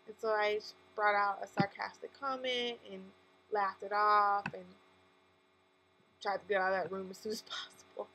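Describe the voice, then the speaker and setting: In this low-quality recording, a woman vlogger with a lisp shares a faith-based personal testimony to camera, her voice medium-pitched and her pace normal. She speaks casually and candidly, with emphasis, correcting herself as she goes. A steady mains hum and background noise run underneath.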